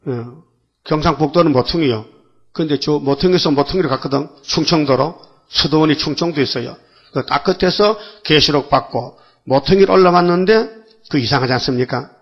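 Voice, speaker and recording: A man's voice: on the high side, dull audio. An older man preaching a dawn worship sermon, folksy and full of rhetorical questions to the congregation. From South Korea. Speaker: pastor.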